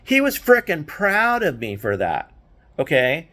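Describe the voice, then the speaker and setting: A man's voice: a little high, huge pitch swings, measured pace, bright, forceful tone. Brief: older man, casual storyteller, rambling delivery, filler-heavy. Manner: rambling, lots of "you know" fillers.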